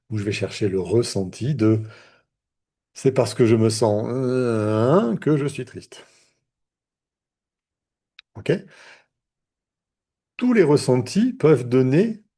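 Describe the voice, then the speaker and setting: A man's voice: medium pitch, dark tone, husky. A man, a therapist, teaching a live online lesson in a conversational way, with many fillers and restarts. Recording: video call audio.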